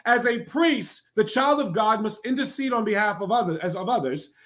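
Male preacher, high-pitched, emphatic and repetitive, constantly checking in with the audience. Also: animated, moderate pace, fairly bright tone. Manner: emphatic, repetitive cadence with frequent "right?" asides. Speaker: preacher and broadcast host. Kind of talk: preaching to a live online audience.

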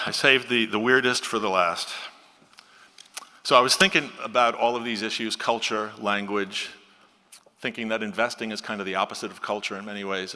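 A man's voice: lowish voice, sharp tone, big-room sound. A man in his sixties giving a conversational conference keynote from a podium on a large auditorium stage, speaking into a podium mic on a stand.

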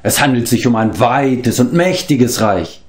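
A man's voice: medium pitch, measured pace, lightly acted. A man reading aloud and voicing a boastful, hapless former king turned wandering bard who rambles and corrects himself. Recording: roomy echo.

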